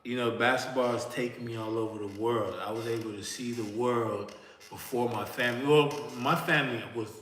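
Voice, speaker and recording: A Miami man with a Miami accent talks casually and with plenty of profanity to his livestream chat, sitting in a creaky chair in an indoor room. His voice is medium-pitched and fairly bright, his intonation fairly even, and he speaks a little fast, all loose and slangy. The room is roomy and echoey, with long reverb.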